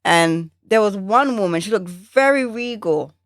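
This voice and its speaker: A woman from Jamaica chats on a podcast, telling a family story with animated energy. Her voice jumps up high whenever she acts out a quote. The sound is dry and close. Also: unhurried, no room sound. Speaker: podcast co-host. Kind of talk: casual storytelling chat.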